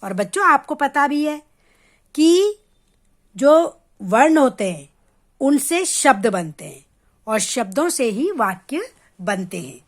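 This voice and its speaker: Slow, patient woman teaching Hindi letters. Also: high-pitched, sing-song. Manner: stretches out example words syllable by syllable; patient, checks understanding with questions. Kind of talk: slow, careful lesson for children.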